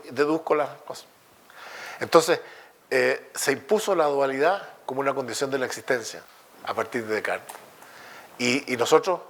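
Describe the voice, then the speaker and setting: A man with a Chilean accent giving a public lecture, telling lively stories and jokes. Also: mid-range voice. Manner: lively storytelling with jokes and acted dialogue.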